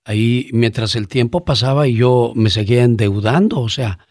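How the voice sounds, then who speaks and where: A man's voice: medium pitch, no echo, studio quality. A man, a guest on an interview show, telling stories in a casual, earnest way with fillers. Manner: warm storyteller, earnest, pauses with fillers.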